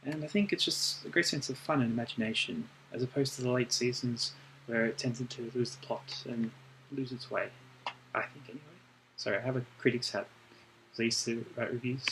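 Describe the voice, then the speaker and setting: A man doing an ASMR role-play as a librarian, chatting gently and recommending things in an unhurried way. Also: mid-range voice, noisy background. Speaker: ASMR performer playing a librarian.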